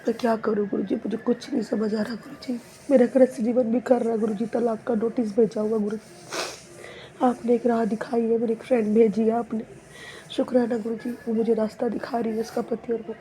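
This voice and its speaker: A woman's voice: fairly high pitch, flat delivery, moderate pace, dark tone, a little hiss or hum, low-quality recording. A young woman offering a repetitive, pleading devotional prayer of thanks.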